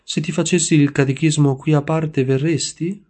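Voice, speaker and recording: A man reading the part of a gentle, devoted young priest who questions a boy kindly. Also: on the high side, fairly even intonation, moderate pace, voice pushed up, lightly acted.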